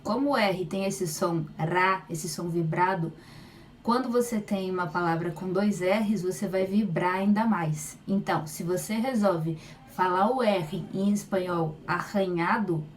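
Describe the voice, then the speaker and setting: A woman teaching Spanish pronunciation, modeling each sound slowly and repeating it loudly. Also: medium pitch. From Brazil. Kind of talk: slow, deliberate pronunciation lesson. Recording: voice slightly far from mic, faint room noise.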